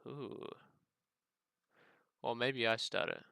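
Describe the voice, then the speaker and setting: A man's voice: mid-range voice, slow pace, creaky, bright, forceful tone. A man chatting casually over gameplay as a streamer, musing aloud in a rambling way as he plays. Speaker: gaming content creator and live streamer.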